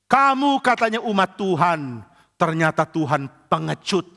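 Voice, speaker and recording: A man voicing a boastful giant male warrior who talks loudly and laughs a deep giant laugh. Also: big pitch swings, a little slow, creaky, in a large hall, full character voice. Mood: taunting.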